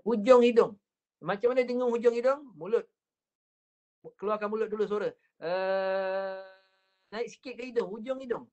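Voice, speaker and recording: A man with a Malaysian Malay accent teaching an online Quran recitation class, patiently repeating drills and drawing words out slowly to demonstrate. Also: very high-pitched, darkish tone, lo-fi sound.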